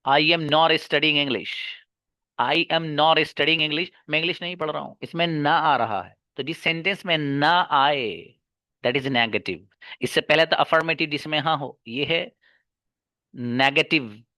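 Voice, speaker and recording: Brisk, bright-voiced grammar teacher. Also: male voice, fairly high pitch, no echo, studio quality. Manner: repeats key words slowly and drills them, asks and answers his own questions; playful mock-serious asides. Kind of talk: classroom lecture.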